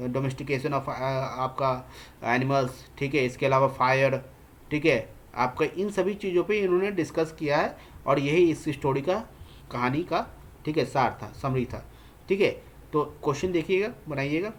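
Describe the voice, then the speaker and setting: A teacher in an exam-prep lesson who reads English lines slowly, then explains them in a mix of two languages, constantly checking in with filler phrases. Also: mid-range voice.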